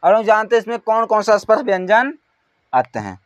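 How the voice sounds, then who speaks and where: A man teaching an exam-prep grammar lesson, asking questions and answering them himself, calling out syllables one by one and trailing off softly. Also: sits high, very animated, brisk, no room sound, dull audio.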